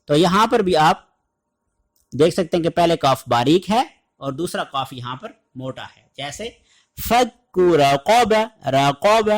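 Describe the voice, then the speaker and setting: A man teaching Quran recitation in an online lesson, explaining letter sounds and then reciting verses in a slow, drawn-out chant. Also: fairly high pitch, expressive. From Pakistan.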